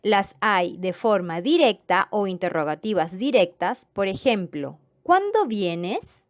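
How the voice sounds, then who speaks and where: A woman's voice: mid-range voice, expressive, measured pace, dry recording, studio quality. A woman teaching a grammar lesson to viewers, explaining patiently and checking in with them as she goes. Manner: patient, repeats points and checks understanding; friendly sign-off to viewers.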